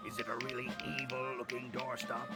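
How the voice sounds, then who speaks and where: A man's voice: medium pitch, completely flat delivery, a little fast. A man voicing a pompous, blustering male demon skull in a studio game, his voice heard in the left channel only. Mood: sulky. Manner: grandiose villain boasts, then meek. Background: loud game music.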